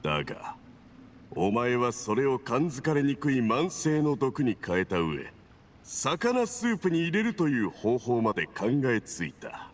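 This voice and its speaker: A man's voice: medium pitch, sing-song, measured pace. A man voicing a smug, domineering villain envoy in an anime game, with a pompous, condescending and insinuating manner. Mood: condescending praise.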